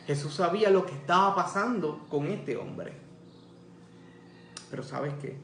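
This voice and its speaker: A man with a Puerto Rican Spanish accent preaching a sermon in a church, impassioned and rising to loud cries. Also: a little high, very animated, measured pace, vocal fry, a little hiss or hum. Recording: echoey church room with faint ambience.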